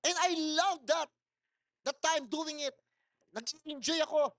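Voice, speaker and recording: A male pastor preaching a sermon at a church service in a mall, telling personal stories in a deliberately loud voice, slipping in English phrases and laughing often. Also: very high-pitched. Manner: storytelling, mixing in English phrases.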